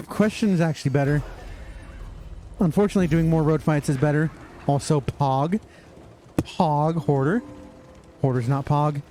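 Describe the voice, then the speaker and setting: A man's voice: a little high, normal speed, pauses often, dark tone, soft background music. A young man giving casual, sarcastic commentary while playing a game. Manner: sarcastic, mocking, talks to himself. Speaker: streamer.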